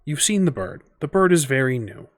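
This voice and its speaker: A man's voice: a little high, very animated, a little fast, no echo. A man narrating as game master of a tabletop game, loose and thinking aloud with many fillers.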